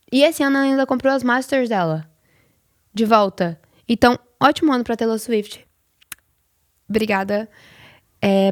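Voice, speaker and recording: A woman's voice: mid-range voice, no echo, studio quality. A thirty-one-year-old Brazilian woman co-hosting a podcast, telling stories in casual, informal chat. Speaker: podcast co-host.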